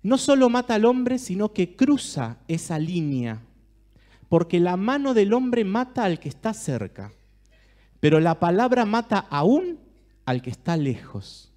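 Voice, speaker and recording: Lively high-voiced Argentine man. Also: unhurried. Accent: Argentine Spanish. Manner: expressive, speaks straight to the listeners with questions. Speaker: speaker at a church family ministry. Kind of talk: talk to a live audience.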